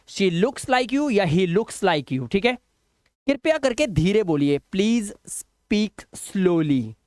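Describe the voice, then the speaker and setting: Man teaching slow English phrases. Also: high-pitched, dry recording, clean studio sound. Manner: slow, drawn-out repetition of example sentences. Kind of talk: spoken English lesson.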